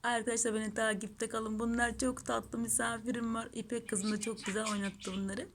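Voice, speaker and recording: A pet channel host with a fairly high, level voice talks a little fast over slight hiss or hum. She films her cats at home in a casual vlog, cooing and gushing at them in doting baby talk while chatting with her viewers.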